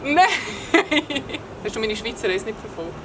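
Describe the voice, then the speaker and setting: A guest with a Swiss German accent plays a casual guessing game, sounding playful and giggly. Her fairly high voice is animated yet unhurried. The mic is distant, in a noisy spot with vehicles passing.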